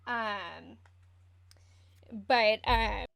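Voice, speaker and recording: A woman's voice: medium pitch, very slow, vocal fry, fairly bright tone. A woman running an online tabletop game, talking hesitantly with many fillers while her call connection makes her voice choppy and cut off. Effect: voice choppy and cutting out over a bad call connection. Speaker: game master. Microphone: computer mic on a voice call.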